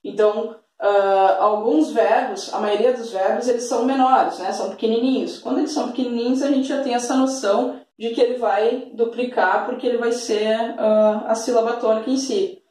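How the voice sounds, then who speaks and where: A woman's voice: on the high side, fairly even intonation, normal speed, hardly any pauses, mellow, far from the mic. A woman teaching an English grammar lesson, patient and full of diminutives, checking in often with tag questions. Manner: fond of diminutives. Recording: very echoey room, voice off the mic.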